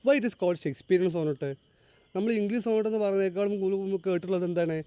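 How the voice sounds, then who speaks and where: A male teacher giving a classroom lecture, explaining step by step, quizzing his students and reading English lines slowly and deliberately. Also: sits high, fairly even intonation, mellow, clean tone, no echo. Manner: explains, then asks the class to answer.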